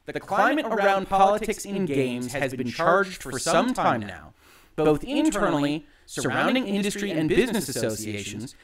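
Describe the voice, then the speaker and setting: A man hosting an online show, giving emphatic, argumentative opinion commentary in deliberate phrases, with echo on his livestream audio. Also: a little high, very animated, over a noisy crowd.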